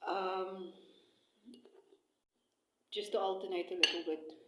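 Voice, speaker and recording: A woman from South Africa chatting casually as a food vlogger, hesitant and rambling with pauses between short phrases, recorded on a nearby phone. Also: medium pitch, flat delivery, very noisy. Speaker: food vlogger and cookbook author. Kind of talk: casual eat-along chat to camera. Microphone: phone close by, no attached mic. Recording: echoey room, phone microphone.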